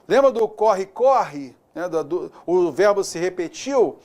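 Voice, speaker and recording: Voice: mid-range voice, animated, slow, a little mellow. A teacher with a Brazilian accent giving a recorded exam-prep grammar lesson, chatty and always checking in with the listener, repeating examples aloud. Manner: walks through examples aloud, repeating words.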